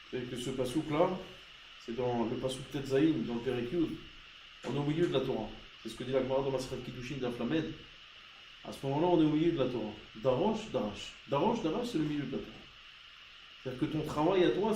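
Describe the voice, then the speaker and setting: A man's voice: mid-range voice, reverberant, slight background noise, rough recording. A man teaching a Torah class to students, asking rhetorical questions and pressing his points hard. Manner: rhetorical questions, grows loud and emphatic.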